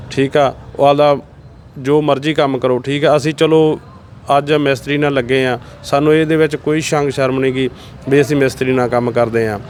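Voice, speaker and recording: A man speaking outdoors in a steady, plainspoken way, repeating his points. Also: fairly high pitch, slight background noise. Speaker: deported laborer.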